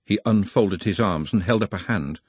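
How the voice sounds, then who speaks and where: Husky male audiobook narrator. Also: fairly low pitch, normal speed. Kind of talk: scripted narration.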